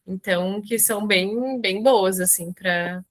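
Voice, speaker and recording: A woman's voice: medium pitch, slow pace. A woman leading a casual book club chat, encouraging and full of tag questions.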